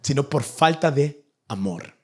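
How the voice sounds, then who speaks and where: Male pastor, young adult, sermon, animated storytelling, fairly high voice. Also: unhurried. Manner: animated, acts out nagging parents in a raised voice. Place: church in Vancouver.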